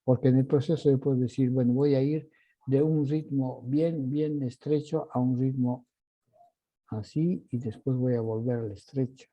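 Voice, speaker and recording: Male composition teacher, husky gravelly voice, scats rhythms mid-lesson, muffled lo-fi recording. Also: medium pitch, fairly even intonation, normal speed, mellow. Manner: vocalizes musical articulations with syllables. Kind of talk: orchestration workshop lesson. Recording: dull lo-fi recording.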